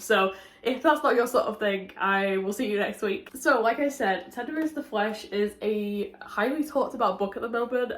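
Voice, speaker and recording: A woman with a slight cold gives a casual, chatty book review, sounding muffled as if through a window. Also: medium pitch. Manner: informal, laughs often as she talks. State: a little sick with a cold. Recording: roomy echo, muffled sound.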